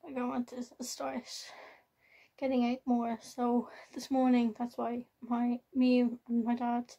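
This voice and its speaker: A young woman with an Irish accent chats casually to her vlog viewers in a rambling, halting way, often repeating herself. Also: a little high, monotone, gravelly, mellow, dull audio. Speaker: vlogger. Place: at home, in a room.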